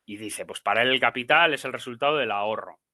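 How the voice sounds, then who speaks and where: A man's voice: mid-range voice, bright, forceful tone, dry recording, clean studio sound. Hesitant Spanish man with a sore throat. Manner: halting, many fillers and restarts. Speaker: seminar participant presenting a reading. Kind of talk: explaining a text in a study seminar.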